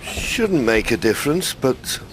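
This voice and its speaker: A man's voice: medium pitch, sing-song, unhurried, a little hiss or hum. A man giving analytical snooker commentary as a co-commentator.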